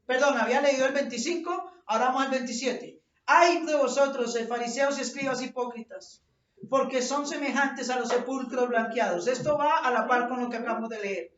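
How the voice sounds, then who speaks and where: A woman's voice: sits high, fairly quick. Impassioned woman preacher, echoey and distant. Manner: impassioned, rising to shouts when quoting scripture. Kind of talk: sermon. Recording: echoey distant lo-fi church recording.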